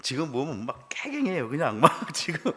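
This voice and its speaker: A man's voice: a little high, huge pitch swings, normal speed, sharp tone, slight background noise. A middle-aged male pastor telling a personal testimony in a church sermon, acting out the dialogue and laughing as he goes.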